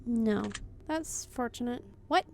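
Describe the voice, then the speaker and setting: A woman's voice: a little high, slow, a little hiss or hum. A young woman streaming a game, chatting casually, bluntly and with free swearing as she answers questions. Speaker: VTuber streamer. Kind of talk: casual gameplay commentary.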